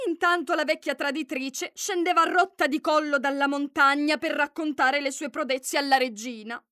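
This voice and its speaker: A woman reading a fairy tale aloud in an expressive storytelling manner. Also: sits high, no room sound, studio quality. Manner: expressive, varied storytelling with voiced characters.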